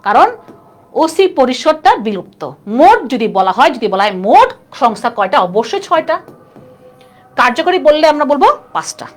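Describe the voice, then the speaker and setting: A woman's voice: sits high, sing-song, moderate pace. A woman teaching a live online class, chatty and constantly quizzing her students. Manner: chatty, keeps asking students questions.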